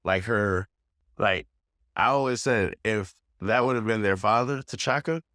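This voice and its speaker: A man's voice: on the low side, a little slow, bright, forceful tone, no echo, clean studio sound. A man co-hosting a podcast in casual chat, laid-back and rambling, laughing often. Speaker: podcast co-host.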